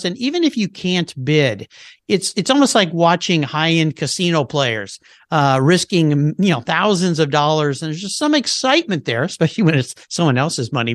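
On a radio interview, a car show host and guest expert talks in a chatty, enthusiastic way, filling his speech with lots of fillers. His voice is a little high, and the sound is dry and clean, as if from a studio.

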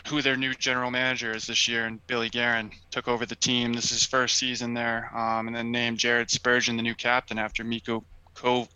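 A man with a very bright, crisp and smooth voice, recorded dry and close. He chats enthusiastically on a casual sports podcast, leaning on easygoing fillers. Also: mid-range voice, dry recording, rough recording. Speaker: podcast co-host.

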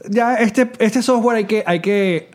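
A man's voice: high voice, takes it slowly. A man co-hosting a podcast, chatting casually, laughing often and chiming in with agreement. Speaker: podcast co-host. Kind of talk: casual chat.

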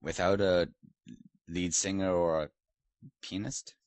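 The voice is deep, darkish and slow, with little movement in pitch. It belongs to a man acting as a pompous British lord who hosts a comedic podcast interview, putting on a British accent and teasing in a haughty, mock-posh way.

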